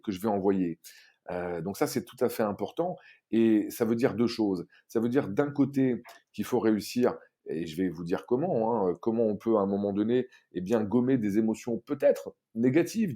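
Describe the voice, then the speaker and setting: A man, a sales trainer talking as a podcast guest, telling an anecdote in an animated way with many fillers. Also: fairly low pitch. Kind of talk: casual explanatory talk.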